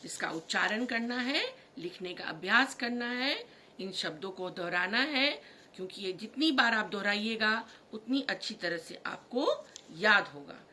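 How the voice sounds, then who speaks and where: A woman's voice: medium pitch, animated, unhurried, sharp tone, a little hiss or hum. A woman teaching a kindergarten class, walking young children through a worksheet in a patient, sing-song way and stressing each letter. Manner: talks straight to the children.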